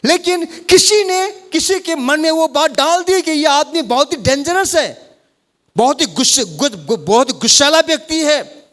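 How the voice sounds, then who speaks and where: A man's voice: very high-pitched, lively intonation, measured pace, a bit bright. A middle-aged man preaching a fervent sermon as pastor in a church hall, speaking English words with an Indian accent and calling on the congregation to repeat after him.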